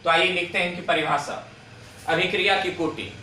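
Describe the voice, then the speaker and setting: A man teaching a chemistry lecture on video, dictating definitions slowly and repeating them word by word. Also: sits high, fairly even intonation, sharp tone, roomy sound, recorded from a distance, a little hiss or hum, poor audio.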